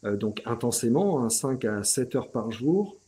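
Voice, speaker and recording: In a medium-pitched voice and at a slightly slow pace, a middle-aged French speaker chats casually as an interview guest. He hesitates and restarts a lot, sprinkling in small fillers and repeated "tu vois".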